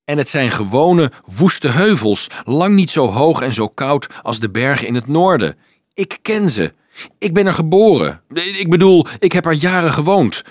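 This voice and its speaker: A man voicing an agitated male crusade leader who insists and pleads loudly with a crowd of children, in a storybook reading. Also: a little high, sing-song, a little slow, no room sound, studio quality, pitched above the performer's own voice. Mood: heated.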